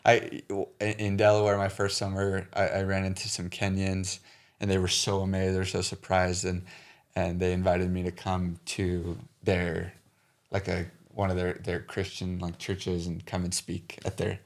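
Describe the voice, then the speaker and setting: A young man from Idaho, a podcast guest, chatting casually and haltingly with repeated words and fillers. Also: sits low, completely flat delivery. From Idaho, USA. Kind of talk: casual interview chat.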